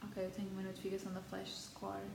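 A woman's voice: medium pitch, completely flat delivery, fast, creaky, noisy background. Chatty, dramatic teen girl, European Portuguese accent. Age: teens. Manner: chatty, dramatic, mixes in English words. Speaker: vlogger. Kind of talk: casual chat to camera. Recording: echoey room with faint ambience.

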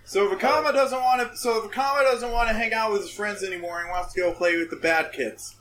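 A man's voice: high voice, fairly even intonation, brisk, a crowd in the background. A man joining a casual podcast call, jokey and crude in his remarks. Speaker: podcast guest. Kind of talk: casual chat.

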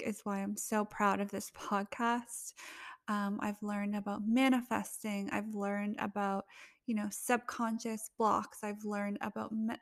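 A woman hosting her own podcast, talking to listeners in a gushing, emotional, heartfelt way with soft laughs. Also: medium pitch, no echo, studio quality. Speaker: podcast host. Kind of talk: casual heartfelt monologue.

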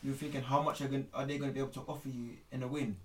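A man's voice: medium pitch, level tone, racing, distant mic. A young man, talking casually through football points and steering the discussion. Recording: echoey room, off-mic, faint noise.

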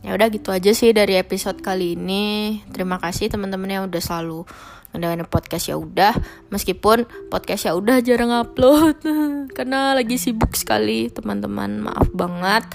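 A woman's voice: mid-range voice, a little fast, gravelly, faint music behind. A young woman hosting her own podcast, talking casually and frankly in slangy speech, with English phrases dropped in. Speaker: podcast host. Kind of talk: casual solo podcast talk.

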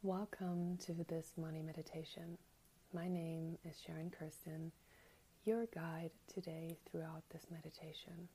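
A woman guiding a meditation in a soft, breathy, near-whispered spa-like voice. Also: low-pitched, steady tone, a little slow. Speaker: meditation guide. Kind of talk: guided meditation. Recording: meditation music under the voice. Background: music.

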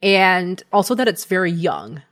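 A woman's voice: lowish voice, very animated, moderate pace, fairly bright tone. A woman game master narrating a tabletop game in a chatty way, with many fillers and laughs.

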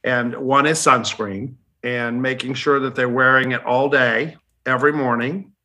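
A man's voice: mid-range voice, steady tone, measured pace, bright, forceful tone. A man talking as a skincare specialist guest in a casual panel chat, rambling and restarting his sentences. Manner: rambling, self-correcting, chatty.

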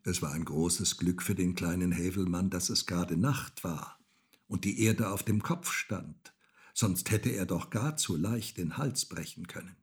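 A man reading a children's story aloud, slow and expressive. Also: sits low, breathy edge.

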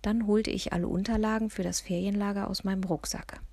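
Woman reading a kids story out loud, gravelly husky voice, dry sound. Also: medium pitch, brisk, no room sound. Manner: lively storyteller voicing the dialogue. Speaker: audiobook reader. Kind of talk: first-person story narration.

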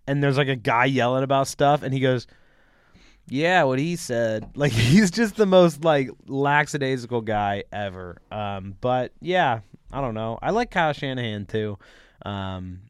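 Young male co-host, casual and opinionated, smooth voice, recorded dry and close. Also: medium pitch, expressive, no room sound. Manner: opinionated, rambling, quick to laugh. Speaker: podcast co-host. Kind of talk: casual sports chat.

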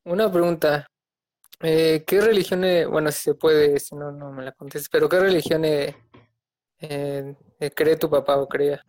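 A man's voice: a little high, steady tone, a little slow, a little mellow. A man interviewing a guest, asking his question hesitantly and politely.

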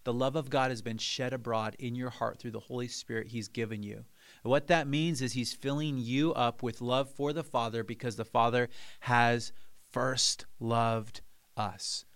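A man's voice: mid-range voice, steady tone, unhurried, fairly bright tone. A man preaching a sermon as pastor, earnest and repeating phrases for emphasis.

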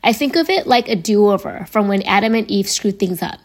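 A young adult woman hosting a faith podcast, her voice hoarse and raspy from laryngitis, talking in an earnest, conversational way. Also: mid-range voice, expressive, normal speed. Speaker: podcast host.

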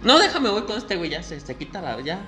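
A man's voice: high-pitched, very animated, a little fast, bright, forceful tone, faint music behind. A man with a Mexican accent tells a crude anecdote in a rowdy, profane way, acting out the people in it. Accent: Mexican Spanish. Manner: rowdy, profane, acts out the people in his stories. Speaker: storyteller. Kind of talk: casual crude anecdote telling.

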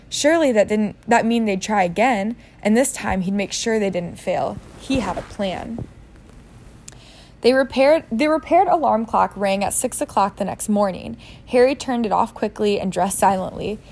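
A woman's voice: mid-range voice, a little mellow. A woman reading a novel aloud in a casual way, joking about her own misreadings. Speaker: reader.

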